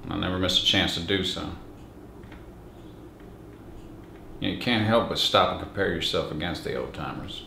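A man performs a weary, plain-spoken Texas sheriff musing in a dramatic monologue. The voice is low and gravelly, reflective and troubled. It sounds in an echoey room. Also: a bit bright. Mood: wistful, reflective. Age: 30s. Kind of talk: dramatic monologue, audition-tape acting. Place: small bare indoor room against a plain wall. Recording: echoey room, faint background hiss.

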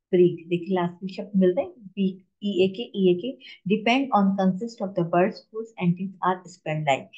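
A woman teacher gives a lecture at an ordinary middle pitch. She explains step by step and slows right down for the English examples. The recording sounds a little dull and lo-fi. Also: a little mellow. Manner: explains in Hindi, reads English lines slowly. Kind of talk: classroom lecture.

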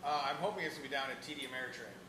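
A man's voice: medium pitch, racing, reverberant, crowd noise, rough recording. A man in his thirties, a brewery guest, chatting casually and explaining plainly in a bar. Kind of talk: casual chat. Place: bar with bottle shelves, indoors.

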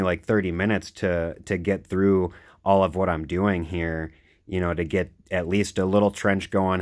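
A young man casually narrating his homestead work outdoors, rambling and eager, with lots of "you know" fillers. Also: low-pitched. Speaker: homesteader vlogger.

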